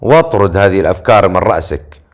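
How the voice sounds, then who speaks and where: A self-assured male hero in an audiobook fantasy tale, dry and sarcastic in every exchange, as a male narrator voices him. His voice is low and composed. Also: animated, fast. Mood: wry. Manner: sarcastic, dryly teasing.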